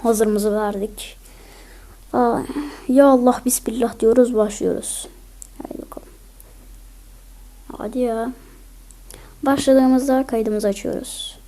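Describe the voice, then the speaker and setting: A hoarse woman chatting through a mobile game match, bursting into excited yelling at tense moments. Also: fairly high pitch, takes it slowly, long pauses. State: hoarse from illness. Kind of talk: casual gameplay commentary.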